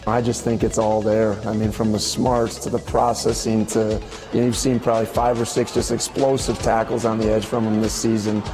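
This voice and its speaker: A male football coach praising his player in an interview clip. His voice is low and flat, his manner is measured, and clear music plays beneath him.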